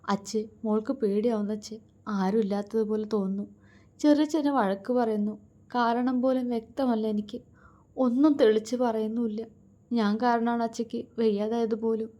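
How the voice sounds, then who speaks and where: A frightened young daughter pleads through her sobs, her voice lifted higher than the storyteller's own. A woman reads her part aloud in a storybook. The speech is soft and wavering. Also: little pitch movement, fairly quick, hardly any pauses, close to an everyday voice. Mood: tearful pleading. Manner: sobbing, pleading.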